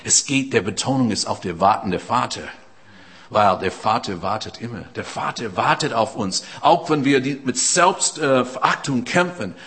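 A man delivers a sermon in carefully built, non-native German, pausing and restarting as he searches for phrasing. His voice sits in a mid range. It swells to loud emphasis and then drops back to a quiet, reflective tone. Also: medium pitch, expressive. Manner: earnest, swings between loud emphatic peaks and quiet reflective passages. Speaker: preacher.

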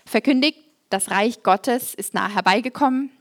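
A woman voicing Jesus as a patient, frank male teacher who speaks plainly and teases his pupils gently. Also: very high-pitched, normal speed. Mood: instructing. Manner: plain-spoken, fatherly, gently teasing.

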